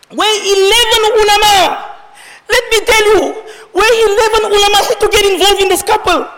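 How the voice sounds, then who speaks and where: Male preacher, impassioned sermon delivery with repeated refrains, forceful tone, reverberant hall. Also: very high-pitched. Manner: impassioned, repetitive refrains, mixes Arabic and Urdu phrases.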